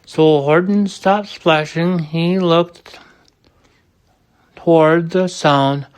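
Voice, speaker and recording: A man reading a children's story aloud as expressive audiobook narration. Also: fairly high pitch, very slow, clean tone. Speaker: storybook reader.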